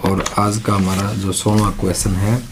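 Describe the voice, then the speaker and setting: A man's voice: on the low side, flat delivery, normal speed, background noise. A man teaching an exam-prep English lesson, explaining step by step and repeating his own questions.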